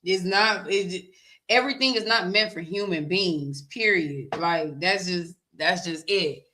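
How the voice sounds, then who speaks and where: Bright-voiced woman co-hosting a chatty podcast. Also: fairly low pitch, measured pace, a little hiss or hum. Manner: animated, laughs often, preachy emphasis. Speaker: podcast co-host. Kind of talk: casual chat.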